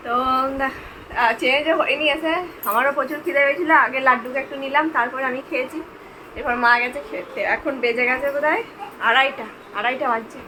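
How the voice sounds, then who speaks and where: A chatty woman vlogging from home, talking to her viewers as friends. Her voice sits a little high, with clear background noise under it from a phone recording. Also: fairly even intonation, fairly quick, bright, forceful tone, rough recording. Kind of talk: casual home vlog narration.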